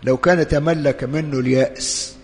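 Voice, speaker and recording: A male priest with an Egyptian Arabic accent delivers an impassioned sermon, dropping to hushed urging and then rising to loud pleading. His voice sits fairly high for a man. A long reverb hangs behind every phrase, as in a large church. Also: steady tone, normal speed.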